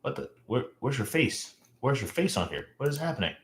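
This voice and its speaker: With a mid-range, sing-song voice moving a little fast, this livestream host in his late thirties keeps things loose and chatty, riffing on chat messages with many fillers. A roomy echo surrounds his home stream mic.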